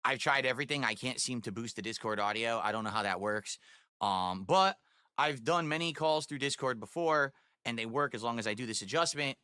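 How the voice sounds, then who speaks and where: A man hosting a livestreamed podcast, explaining things to viewers in a deliberate, emphatic way. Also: mid-range voice, pushed and bright, smooth, dry recording, clean studio sound. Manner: deliberate, emphatic, checking in with "all right". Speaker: podcast host and streamer.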